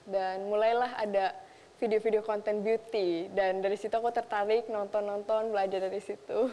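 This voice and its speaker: A woman's voice: medium pitch, flat delivery, moderate pace, mellow, big-room sound. A young Indonesian woman, a makeup artist, chatting casually in a talk show interview and mixing in English phrases. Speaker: makeup artist and content creator.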